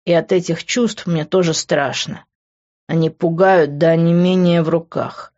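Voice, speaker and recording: A woman reading the lines of a brooding, volatile young man in an audiobook, in a low, moody voice. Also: steady tone, unhurried, a little mellow, highs cut off. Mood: tender.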